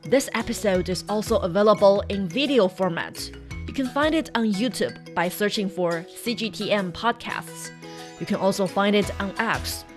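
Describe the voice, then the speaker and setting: A woman hosting a conversational podcast, speaking in a friendly, unhurried way with a few fillers. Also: mid-range voice, soft background music. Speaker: podcast host.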